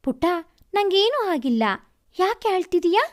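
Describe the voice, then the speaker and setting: A woman's voice: extremely high pitch, big pitch swings, a little slow, voice pushed up, full character voice. A woman voicing an earnest young man in love who blusters when he is angry.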